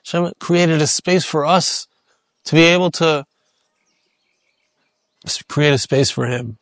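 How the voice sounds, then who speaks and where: A man's voice: fairly high pitch, takes it slowly, a bit bright, dry recording, clean studio sound. A rabbi giving a reflective Torah sermon. He repeats key phrases as he goes.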